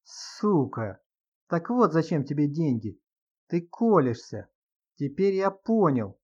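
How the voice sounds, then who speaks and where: A man reading an audiobook, voicing an angry, brash young male stripper who shouts and sneers in rough slang. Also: a little high, very animated, slow pace, muffled recording, full character voice. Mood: furious.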